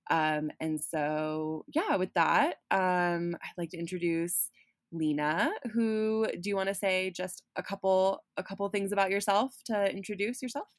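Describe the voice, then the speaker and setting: A woman's voice: on the low side, measured pace, no room sound, clean studio sound. A woman hosting a podcast, talking casually with lots of "like" and "um" and frequent restarts. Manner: rambling, many fillers and restarts. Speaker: podcast host.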